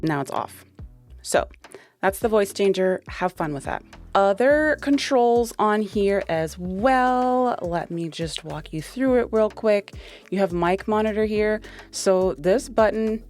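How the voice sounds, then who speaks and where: A woman's voice: medium pitch, expressive, takes it slowly, a little mellow, faint music behind. A young woman giving a casual, chatty product walkthrough into a dynamic podcast mic, with plenty of fillers. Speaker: tech reviewer.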